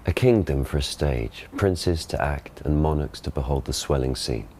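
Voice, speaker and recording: Man, very low voice, measured Shakespearean recitation, faint background noise. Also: lively intonation, darkish tone. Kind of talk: demonstrating Shakespeare verse in original and modern pronunciation.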